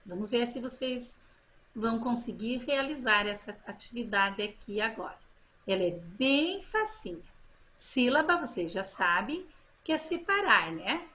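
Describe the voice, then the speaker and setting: A woman teacher leads a slow children's phonics lesson, stretching out each example word. Her voice is bright and fairly high, and it rises and falls a great deal as she encourages the class. A faint noise sits behind her. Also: lively intonation. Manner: slow drawn-out model words, encouraging teacher talk.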